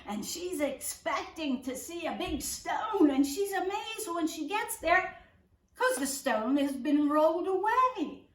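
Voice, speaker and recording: A woman pastor telling a children's Bible story in a gentle, unhurried way, recorded in a church with the mic far off. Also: very high-pitched, lively intonation. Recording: echoey room, mic far off.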